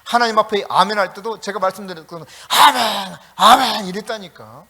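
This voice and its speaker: Animated high-voiced male pastor preaching. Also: quick pace. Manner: animated preaching with shouted calls; storytelling, conversational asides to congregation. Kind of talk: sermon.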